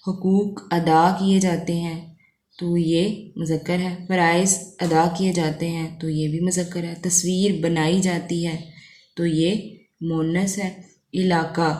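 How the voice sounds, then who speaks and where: A woman's voice: on the low side, darkish tone, reverberant. A woman teacher with a Pakistani accent, patiently explaining a lesson step by step and often checking in with her students. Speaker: Urdu teacher.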